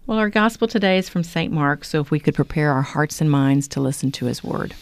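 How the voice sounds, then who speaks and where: A woman's voice: deep voice, lively intonation, a little fast. A woman hosting a religious talk show, introducing and interviewing her guest. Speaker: host.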